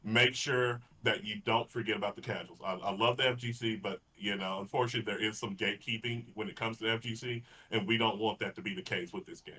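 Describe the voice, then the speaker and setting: A man with a Texan accent talks casual podcast chat in a low voice with a bright, forceful edge. He is earnest and deliberate, circling back to repeat his points. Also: steady tone. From Texas. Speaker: podcast co-host.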